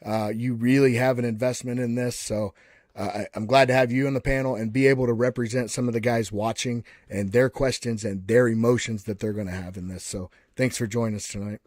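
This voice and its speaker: A man's voice: mid-range voice, steady tone, a little fast, a little mellow, no echo, clean studio sound. A man hosting a live online panel in a casual, folksy way, calling everyone buddy and often restarting his words. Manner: frequent restarts and repeated words. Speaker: host of a live panel show.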